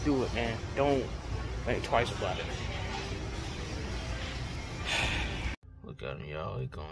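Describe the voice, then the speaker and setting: Emotional young man vlogging. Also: medium pitch. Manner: emotional, heartfelt, slangy and rambling. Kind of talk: casual vlog talk to camera.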